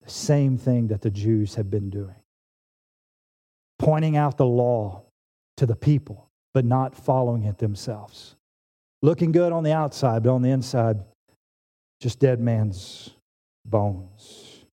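A man in his forties preaching a sermon, animated and emphatic, often restarting his phrases. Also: medium pitch, slow pace, long pauses. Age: 40s. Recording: long hall reverb.

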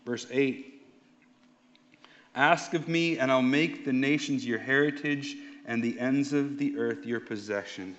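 A pastor preaching a sermon in an emphatic, slow and deliberate way. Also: male voice, mid-range voice, a bit bright. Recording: dull lo-fi sound.

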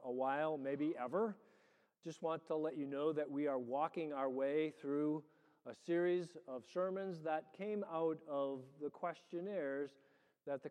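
A man preaching and reading as a pastor, with a measured, deliberate delivery in short phrases. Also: on the high side, a little mellow, clean tone. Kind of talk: sermon with prayer and scripture reading. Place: large reverberant church. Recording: long hall reverb.

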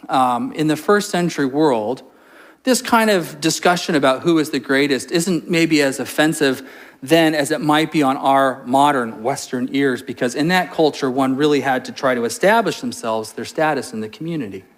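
Male pastor, sermon, upbeat and joking, voice on the high side of the male range. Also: moderate pace. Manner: storytelling, animated and joking.

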